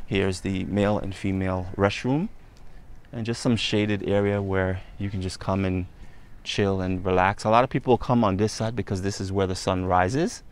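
A man vlogging outdoors as he walks, pointing out sights in a relaxed, conversational way. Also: sits low, normal speed. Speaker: travel vlogger. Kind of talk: casual walking tour narration. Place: outdoors on a hot island street.

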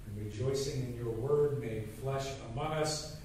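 A man leading liturgical prayer as a pastor, solemn and measured, with pauses between short phrases. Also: mid-range voice, darkish tone. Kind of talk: liturgical prayer and communion service. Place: large church sanctuary, indoors. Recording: very echoey church, far mic, noisy.

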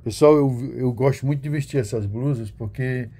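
Mellow-voiced guy hosting a market walk vlog, hyping up the clothes to viewers. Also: medium pitch, normal speed, slightly rough. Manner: enthusiastic, praises the goods to viewers. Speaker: host. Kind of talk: casual walking tour vlog. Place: market stall.

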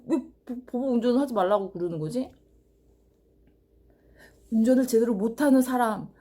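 A woman vlogger talking casually to her viewers, blunt and animated, swearing freely. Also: a little high.

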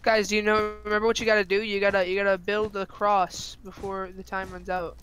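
A young man in a casual gaming chat with friends, teasing them and breaking into loud yells. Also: high voice, level tone, a little fast, slight background noise. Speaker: gamer.

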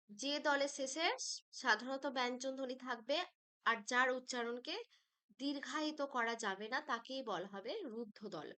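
A woman teaching a school grammar lesson, patient and slow, stretching out syllables as she breaks words apart. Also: high-pitched, fairly bright tone.

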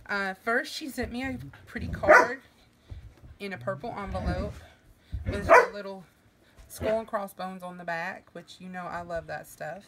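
A middle-aged vlogger chats casually while opening mail in her living room, her voice going from a sinus infection. She gushes warm thanks with plenty of fillers, speaking unhurriedly at medium pitch over heavy background noise.

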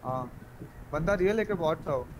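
A man's voice: on the high side, lively intonation, normal speed, noisy background. Chatty young male game streamer. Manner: greets chat viewers by name, asks for likes. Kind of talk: casual live-stream chat.

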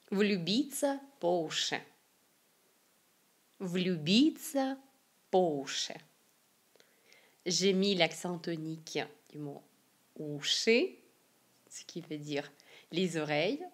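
A woman from Siberia with a Russian accent gives a careful language lesson, saying each example phrase slowly and repeating it clearly. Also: lowish voice, darkish tone. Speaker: language teacher.

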